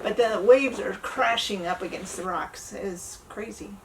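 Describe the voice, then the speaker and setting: A woman's voice: medium pitch, normal speed, vocal fry. A woman recounting a hike in a chatty, plain storytelling manner. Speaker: travel vlogger. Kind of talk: casual chat. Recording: distant mic with faint ambient noise.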